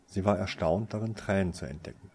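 A man reading a novel aloud in measured, even narration. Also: sits low, slight background noise. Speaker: audiobook narrator. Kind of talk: scripted narration.

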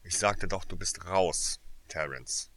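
A man's voice: low voice, animated, normal speed, bright, forceful tone, full character voice. A man voicing a cold, domineering teenage team captain who talks curtly. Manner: cold, curt, commanding.

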